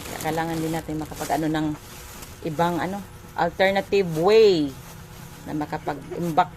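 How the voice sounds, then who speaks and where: A woman's voice: low voice, steady tone, moderate pace, background noise. A woman from the Philippines chatting casually in a home vlog, rambling and often searching for words as she shows what she cooks and buys. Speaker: home vlogger and mother.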